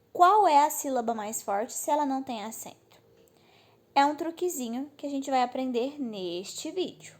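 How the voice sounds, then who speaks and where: A woman teacher with a Brazilian Portuguese accent explaining a lesson to children, friendly and often checking in with her pupils. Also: on the high side. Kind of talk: online class explanation to children.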